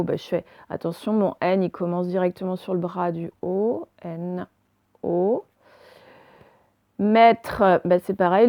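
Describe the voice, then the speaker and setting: A woman teacher giving a recorded spelling lesson, dictating words slowly and spelling them letter by letter. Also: lowish voice, vocal fry, dark tone, no room sound. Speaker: primary school teacher.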